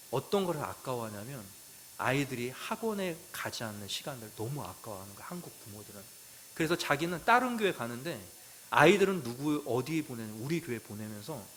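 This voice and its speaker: Male pastor, sermon, storytelling, questions to the congregation, loud bursts and soft drops, mid-pitched, faint hiss. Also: rough recording. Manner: swings between loud emphasis and quiet asides.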